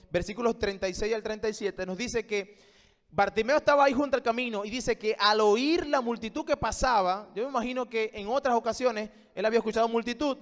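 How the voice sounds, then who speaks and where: A male pastor preaching a sermon, moving between hushed and emphatic lines with rhetorical questions. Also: very high-pitched. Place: church. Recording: long church reverb.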